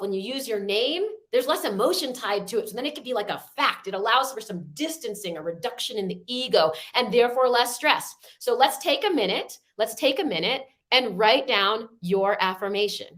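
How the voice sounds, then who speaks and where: A woman's voice: fairly high pitch, a bit bright. A woman leading a workshop over a video call, giving upbeat, encouraging step-by-step instructions. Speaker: workshop facilitator.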